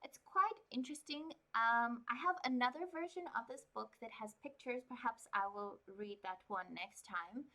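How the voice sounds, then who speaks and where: A woman's voice: a little high, normal speed, few pauses, bright, forceful tone. A woman streaming an unrehearsed book reading with casual commentary to viewers, stumbling and correcting herself as she goes. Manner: stumbling cold reading, slips and self-corrects.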